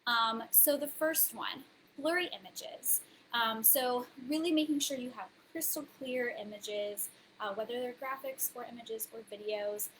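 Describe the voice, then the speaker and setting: A woman's voice: fairly high pitch, a little slow, a bit bright, slight background noise, low-quality recording. A woman hosting a casual live stream of marketing tips, chatty and bubbly with many fillers, a little out of breath. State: slightly out of breath. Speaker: host. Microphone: webcam on a social media live stream.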